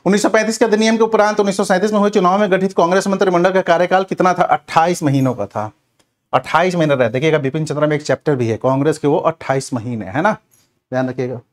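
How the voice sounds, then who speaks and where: This history teacher prepares students for competitive exams through a question-and-answer revision class, addressing them directly and leaning on repeated check-in tags. His voice is a little high, and he talks fast.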